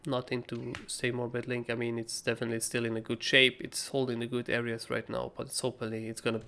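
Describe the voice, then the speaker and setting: This young livestream host runs through trading charts in a casual live analysis, swearing freely and rambling as he goes. He speaks fast in a monotone, his mid-range voice raspy and hoarse yet bright and forceful.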